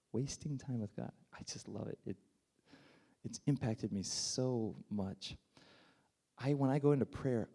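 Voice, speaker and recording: Fervent male preacher with a mellow voice. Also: lowish voice. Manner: emotional, rising to fervent peaks then dropping to near whispers. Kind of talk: sermon.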